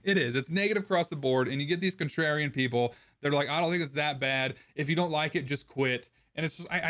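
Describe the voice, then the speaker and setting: A man with a somewhat high voice delivers an opinion rant to his viewers. He sounds frustrated and rambles, often restarting his sentences, and his voice is getting hoarse. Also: a bit bright. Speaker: gaming content creator.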